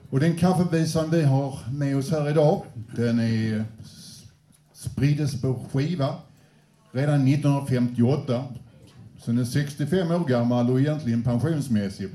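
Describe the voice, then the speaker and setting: Mellow-voiced man announcing songs on stage. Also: mid-range voice, soft background music. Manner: chatty, anecdotal, slight hesitations. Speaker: band frontman introducing songs. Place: indoor venue with a live audience. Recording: roomy echo.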